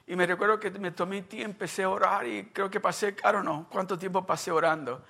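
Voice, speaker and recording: Pastor, man in his fifties, high bright voice, sermon delivery that swings from hushed to loud. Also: fairly even intonation, brisk, vocal fry. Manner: switches between quiet and loud preaching. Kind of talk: bilingual sermon.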